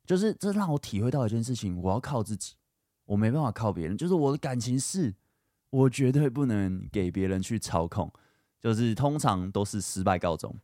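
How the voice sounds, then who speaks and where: Talking a little fast in a lowish voice, a young man hosts a podcast and shares personal stories in a casual monologue. He's candid and chatty, packs in fillers, and becomes animated while retelling things. The studio sound is clean, with no room sound.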